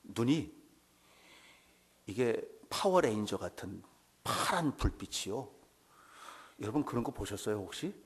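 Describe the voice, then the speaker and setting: A male pastor preaching a sermon to his church, telling stories dramatically and swinging from hushed asides to loud exclamations. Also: on the low side, sing-song, a little slow, long pauses. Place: church sanctuary.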